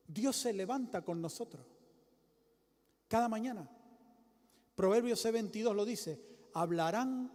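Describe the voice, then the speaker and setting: A man preaching a sermon with emphatic, repetitive lines that rise to loud exclamations and drop low again. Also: long reverb tail.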